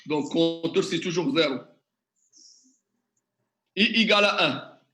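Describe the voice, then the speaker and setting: A man's voice: a little high, slow pace, music in the background. A man teaching a classroom tutorial, questioning the class and working through examples step by step. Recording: echoey classroom.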